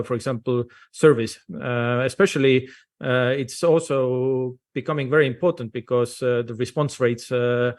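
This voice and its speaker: A man from Estonia, English speaker, giving a conference presentation over a video call with many hesitant fillers. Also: mid-range voice. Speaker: invited speaker.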